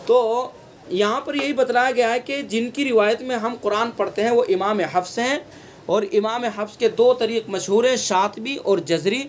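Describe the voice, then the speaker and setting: A man with a Delhi Urdu accent leads an online Quran recitation class, his voice sitting high for a man. He goes over each rule patiently, repeating it and quizzing the students, then answering himself. A faint hiss of noise runs under the recording. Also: muffled recording. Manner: slow, repetitive teaching, asks and answers own questions. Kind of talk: online tajweed class lecture.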